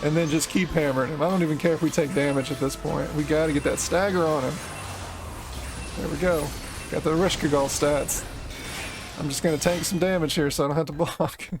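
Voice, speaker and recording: Male gaming host: higher-pitched, wry, slangy, informal playthrough commentary over clear game music. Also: steady tone, a little fast. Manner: joking, slangy, wry reactions. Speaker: gaming video host playing through a game. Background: game music and effects.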